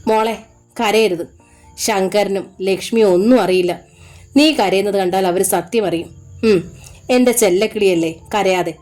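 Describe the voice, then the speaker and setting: A woman's voice: medium pitch, a little slow, darkish tone, soft background music, close to an everyday voice. A woman voicing a tender, soothing husband. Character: gentle grieving husband and father.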